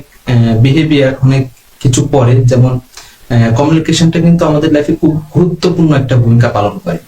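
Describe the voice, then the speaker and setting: পুরুষ শিক্ষক, মাঝারি উচ্চতার কণ্ঠ, ধীর পাঠদান, প্রতিধ্বনিময় ঘরে record. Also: male voice, mid-range voice. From Bangladesh. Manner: calm, measured teaching with numbered tips. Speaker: online class instructor. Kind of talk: online lesson on communication skills. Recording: roomy echo.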